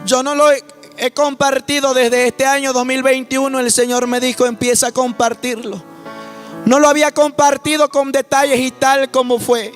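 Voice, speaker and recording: Fervent male preacher, high-pitched, testimony sermon with faint music underneath. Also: level tone, moderate pace. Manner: swells to shouting, speaks in tongues.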